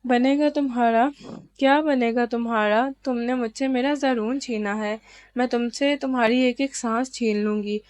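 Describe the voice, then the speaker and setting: A woman's voice: a little high, steady tone, darkish tone, lightly acted. A woman reading aloud as a scheming young woman who gloats over her revenge. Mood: gloating. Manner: gloating, vengeful, cackling.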